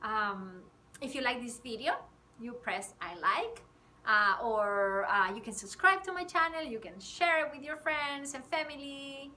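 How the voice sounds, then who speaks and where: High-voiced woman teaching slowly. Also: lively intonation, sharp tone, distant mic. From Chile. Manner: switches between Spanish and English, sings with ukulele. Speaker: kindergarten teacher. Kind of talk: bilingual song lesson. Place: classroom indoors. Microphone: camera a few feet away.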